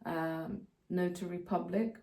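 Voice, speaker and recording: A Slovak woman whose native language is Slovak co-hosts a vlog channel about moving abroad, calmly walking through practical steps one at a time. Her voice is lowish with vocal fry, and she pauses often to think, hesitating frequently. She's off-mic and distant, so the audio sounds roomy.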